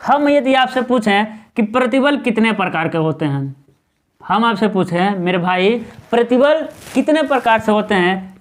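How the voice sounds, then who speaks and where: A man with a fairly high voice teaching a class. He runs a steady question-and-answer drill, asking and then answering each point himself, and he keeps tagging on quick check-in questions. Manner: keeps adding a tag question. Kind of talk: classroom lecture.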